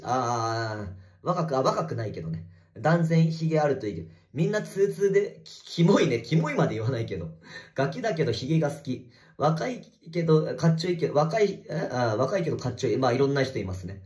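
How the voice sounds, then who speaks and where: A man livestreaming from a bathroom, reading viewer comments in casual chat and swearing at commenters in a rough, teasing way. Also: medium pitch, big pitch swings, quick pace, darkish tone. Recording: echoey bathroom.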